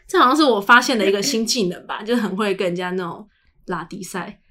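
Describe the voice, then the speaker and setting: At a moderate pace, a young adult woman with a Taiwanese Mandarin accent speaks in a mid-range, pushed, bright voice. She's a podcast co-host in casual chat, telling chatty stories and acting out what people said.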